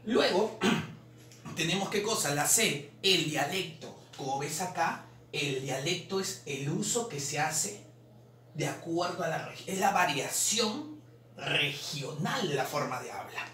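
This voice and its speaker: A man's voice: on the high side, expressive, pushed and bright. A man teaching language exam answers, drawing out syllables as he explains. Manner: drawn-out repetition of syllables, explanatory. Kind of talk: exam solution lesson. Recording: roomy, distant mic, faint noise.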